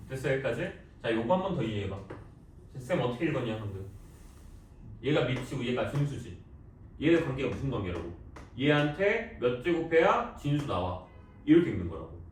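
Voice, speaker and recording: A male math teacher giving a classroom lecture, lively and teasing, quizzing students with quick questions. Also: mid-range voice, a little hiss or hum. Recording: echoey classroom, voice from far off.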